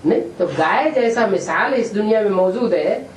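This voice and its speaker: Acting as a spiritual teacher, a man answers questions patiently, explaining things and often checking in with a rhetorical question. His voice is high-pitched and expressive at a normal speed. The room is echoey, the mic distant, with a faint hiss.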